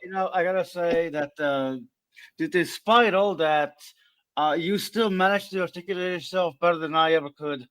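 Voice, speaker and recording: A man's voice: fairly high pitch, normal speed, a bit bright, no echo. A man taking part in a casual online group chat, talking conversationally. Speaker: livestream chat participant.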